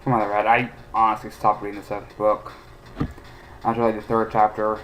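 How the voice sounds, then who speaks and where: A man's voice: lowish voice, level tone, brisk, loud music behind the voice, low-quality recording. Rambling man doing game commentary. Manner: rambling, opinionated, frequent hesitations. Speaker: let's play host.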